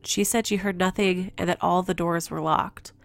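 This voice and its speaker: A woman hosting a podcast, telling a story in measured, earnest scripted narration. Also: on the low side, fairly even intonation, no echo. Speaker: podcast host.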